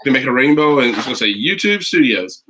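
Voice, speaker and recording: Very animated and fast, a medium-pitched man's voice comes through with a crowd audible in the background. The speaker is a middle-aged American from the United States who hosts a casual home livestream from a makeshift video corner, rambling to viewers and a child and reading them stories as a teacher.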